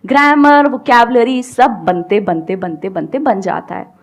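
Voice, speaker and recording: A woman's voice: on the high side, unhurried. A woman speaking with an Indian accent, a guest giving an emphatic motivational talk that switches between Hindi and English. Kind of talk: motivational talk on a stage show.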